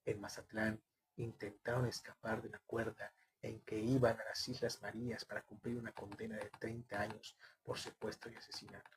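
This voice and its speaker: A man reading a short story aloud in first-person narration, measured and even, putting clipped questions to the other characters. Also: lowish voice, slight background noise, rough recording.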